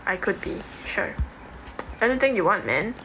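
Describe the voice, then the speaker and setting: A young adult Singaporean woman hosts a casual livestream from her bedroom, reading and replying to comments in an informal, offhand, slangy way. Her mid-range voice is expressive and a bit bright, at normal speed. The audio comes from a phone at arm's length and is noisy.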